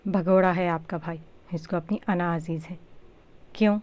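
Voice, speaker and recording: A betrayed young wife from a storybook reading, her lines pushed and anguished, as a woman narrator acts her. The voice sits low for a woman and stays close to the reader's own. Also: steady tone, normal speed, darkish tone, close to an everyday voice. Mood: shouting. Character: heartbroken young wife, shouting and bitter.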